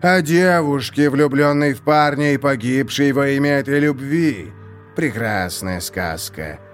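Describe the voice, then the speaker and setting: A man's voice: medium pitch, lively intonation, unhurried, soft background music, lightly acted. A man voicing a scheming, mocking male prison warden who gloats in a theatrical, mock-polite way. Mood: gloating.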